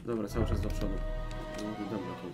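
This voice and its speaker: A young Polish man talks through a video game in a casual, sweary way. Game music plays clearly behind his voice. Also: fairly low pitch, fairly even intonation, quick pace. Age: young adult. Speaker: let's player commenting on a video game. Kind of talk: casual gaming commentary with swearing.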